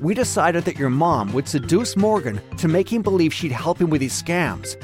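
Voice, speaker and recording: A man's voice: fairly high pitch, lively intonation, normal speed, lightly acted. A man playing a sly dad. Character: sly middle-aged father, dry. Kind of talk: animated story voice acting. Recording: music playing behind.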